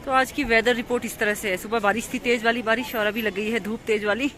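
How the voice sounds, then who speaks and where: A woman's voice: fairly high pitch, steady tone, quick pace, fairly bright tone. A woman with an Indian accent, chatting casually to viewers as she vlogs through a market street, filming on her phone without a mic. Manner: chatty, repeats herself, points things out to viewers. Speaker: vlogger. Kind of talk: casual vlog narration. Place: outdoors in a busy market street. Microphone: phone camera without external mic. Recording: crowded outdoor street noise. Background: crowd and passing vehicles.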